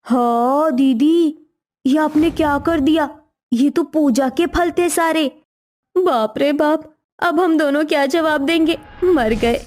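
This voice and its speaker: A woman voicing a greedy young daughter-in-law in a cartoon story, girlish and excitable. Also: sits high, a little slow. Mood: panicky.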